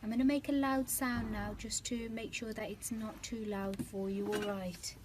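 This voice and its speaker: A woman working as an audiologist, calmly and patiently explaining a hearing implant fitting in a clinic. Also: a little high, normal speed, heavy background noise. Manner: calm, patient, reassuring.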